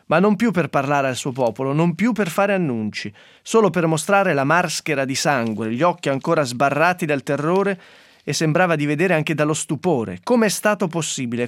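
A man's voice: fairly high pitch, animated, normal speed, no room sound, studio quality. A man hosting a radio press review, reading newspaper quotes in a conversational way with asides and fillers. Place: radio studio.

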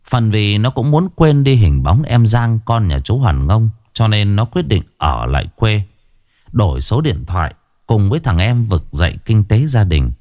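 A man tells a ghost story aloud in an expressive storytelling voice. His pitch moves widely as he narrates. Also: normal speed, no echo, studio quality.

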